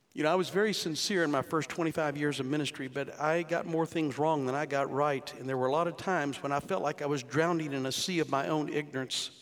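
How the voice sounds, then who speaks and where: A man in his sixties, a pastor preaching a conversational sermon with rhetorical questions to his congregation in a church. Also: on the high side. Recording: long hall reverb.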